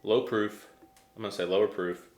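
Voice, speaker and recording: Deep-voiced American man thinking aloud. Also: fairly even intonation, moderate pace, roomy sound. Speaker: whiskey reviewer. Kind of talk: casual tasting review chat.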